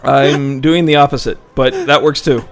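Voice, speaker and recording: A man's voice: medium pitch, fairly even intonation, moderate pace, faint music behind. A man co-hosting a let's play, chatting casually, laughing often and slipping into mock-lecturing jargon. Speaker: co-host of a gaming let's play.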